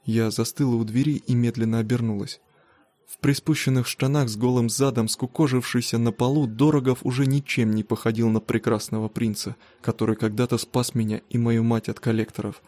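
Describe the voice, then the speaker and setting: Male narrator, audiobook reading, steady, mellow warm voice, dry close sound. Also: mid-range voice, a little fast, no room sound. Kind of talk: first-person audiobook narration.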